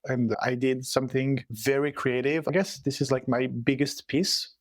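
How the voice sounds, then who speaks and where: A man's voice: medium pitch, fairly even intonation, normal speed, no echo. A man whose first language is French chats casually as a guest. He hesitates and restarts often. His mid-range voice sounds dry and close. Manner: hesitant, many fillers and restarts. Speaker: guest artist. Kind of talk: casual conversation. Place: home.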